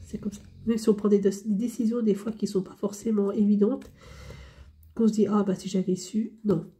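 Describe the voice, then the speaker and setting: Woman vlogger, casual tag-video chat, candid and rambling, relaxed mellow tone. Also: medium pitch, moderate pace. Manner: candid, rambling, repeats herself. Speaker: hobby vlogger.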